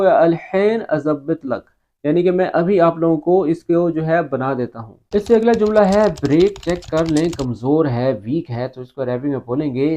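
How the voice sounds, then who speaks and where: A man teaching a language lesson, saying each foreign phrase slowly and carefully before explaining it. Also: a little high, dark tone, highs cut off.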